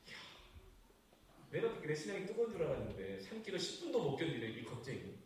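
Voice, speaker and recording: A man preaching a sermon as pastor, telling a personal story with sudden swings between loud outbursts and hushed asides. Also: fairly high pitch, sing-song, quick pace, a little hiss or hum. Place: church sanctuary. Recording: echoey church hall, voice from far off.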